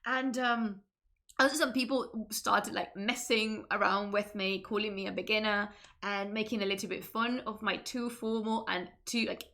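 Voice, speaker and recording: In a medium-pitched, pushed and bright voice, a Spanish woman talks in English with her native accent during a casual stream. Her intonation is fairly even and her pace moderate, and she laughs a lot while cutting herself off and starting over.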